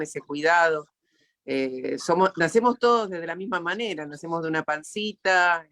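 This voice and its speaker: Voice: mid-range voice, fairly bright tone. Argentine host musing in repeated phrases. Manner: reflective, emotional, repeats phrases. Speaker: interview host. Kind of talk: casual interview talk.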